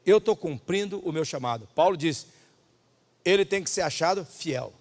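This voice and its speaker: A man preaches with a Brazilian Portuguese accent, his voice sitting high for a man. He swings from loud, ringing declarations to quiet, intimate asides. A long reverb trails behind him in a big church hall. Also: lively intonation, normal speed. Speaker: pastor. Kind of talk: sermon.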